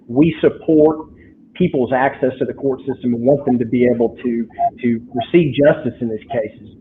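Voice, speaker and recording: Texan man on a tinny line. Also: mid-range voice. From Texas, United States. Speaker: guest, trucking company representative. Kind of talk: explaining on a video talk show. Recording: tinny phone-like line with background noise.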